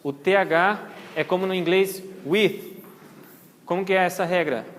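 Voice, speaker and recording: A man's voice: high voice, steady tone, a little fast, a bit bright, long reverb tail. A man with a Brazilian Portuguese accent giving a lecture at an orchid society meeting, explaining patiently and checking in with his audience. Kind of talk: lecture on botanical name pronunciation. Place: botanical garden meeting room.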